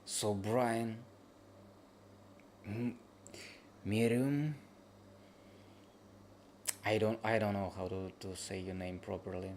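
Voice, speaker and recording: Tired, slow, gravelly-voiced man. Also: lowish voice, fairly even intonation, darkish tone, a little hiss or hum. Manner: halting, drifting, drowsy phrasing. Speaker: streamer reacting to a video review. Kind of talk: casual late-night reaction chat.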